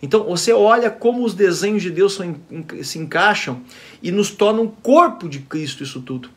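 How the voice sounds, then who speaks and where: A man's voice: high voice, lively intonation, brisk, fairly bright tone. A man teaching a sermon-style Bible study, speaking earnestly and checking in with his listeners through rhetorical questions.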